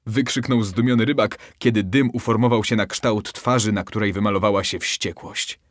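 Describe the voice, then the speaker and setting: A man reading a bedtime story aloud as scripted narration, expressive and dramatic. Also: normal speed, no echo, studio quality. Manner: expressive, with lively shifts in pitch.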